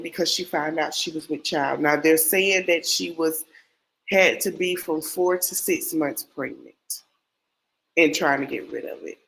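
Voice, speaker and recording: Her voice sits on the lower side, and the low-quality recording carries a little background noise. A congested, nasal-sounding woman with a cold, she hosts a relaxed true-crime podcast, rambling, repeating herself, and addressing her viewers directly.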